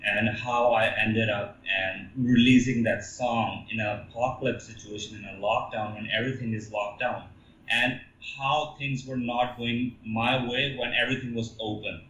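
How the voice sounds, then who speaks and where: A man from Pakistan, a musician guest, talking haltingly with many fillers and restarts. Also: medium pitch, steady tone, fairly bright tone, reverberant, slight background noise, rough recording. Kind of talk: casual interview talk.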